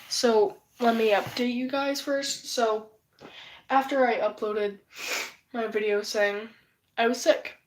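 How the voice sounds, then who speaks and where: A woman whose voice is going hoarse from illness talks on a live stream, drifting from story to story and swearing freely. Her voice sits somewhat high, and she takes her time, talking at an unhurried, drawn-out pace. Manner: rambling, profane, gossipy storytelling. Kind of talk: casual live stream chat.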